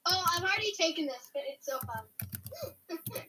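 A woman's voice: extremely high pitch, very animated, measured pace. A young girl co-hosting a casual podcast, chatting and reading quizzes aloud into a laptop mic. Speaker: podcast co-host. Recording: noisy laptop-style mic with clicks.

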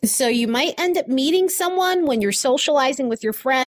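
A woman's voice: sits high, animated, moderate pace. A woman giving a casual, upbeat astrology forecast in an informal, chatty way, recorded on a phone voice recorder like a dictaphone. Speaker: astrology video host. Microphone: phone voice recorder app.

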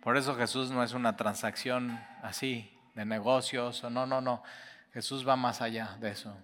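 Man preaching, bright forceful voice, long hall reverb over soft guitar. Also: mid-range voice, fairly even intonation, normal speed. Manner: impassioned, swings from loud to hushed. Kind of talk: sermon.

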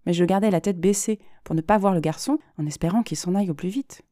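A woman's voice: on the low side, fast talker, mellow, dry recording, clean studio sound, natural voice. A woman reading the part of an anxious, shy young woman who confides her fears hesitantly to a therapist. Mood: anxious confiding. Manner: hesitant, self-doubting confiding.

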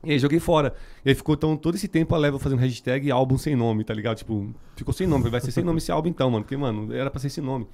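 A man with a São Paulo Brazilian Portuguese accent talks very fast in a mellow, softened tone at an average pitch. His speech is casual and packed with street slang, in the loose style of a podcast chat. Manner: heavily slangy, filler-laden street talk. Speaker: band musician, interview guest.

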